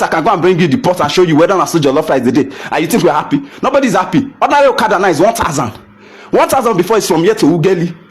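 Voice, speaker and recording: A man's voice: on the high side, slightly rough. A young Nigerian man giving a heated rant to camera, mixing English with Pidgin and hammering rhetorical questions. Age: young adult. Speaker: photographer ranting to camera. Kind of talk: impassioned rant.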